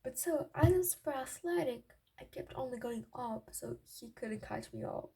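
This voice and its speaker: High-pitched young woman in giddy, creaky gossip. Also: moderate pace, warm tone. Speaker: vlogger telling personal stories. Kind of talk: casual gossipy chat. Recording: clearly noisy raw amateur recording, clicks.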